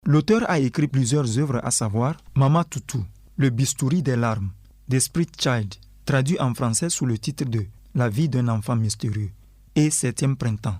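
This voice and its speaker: Husky, formal male radio presenter. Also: mid-range voice, darkish tone, no room sound. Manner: measured, formal announcer delivery.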